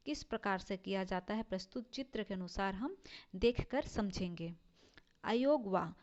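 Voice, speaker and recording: A woman teacher, slowly explaining a lesson and drawing out her example words. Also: medium pitch, darkish tone. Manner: slow, deliberate, stretches out example words. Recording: dull lo-fi recording.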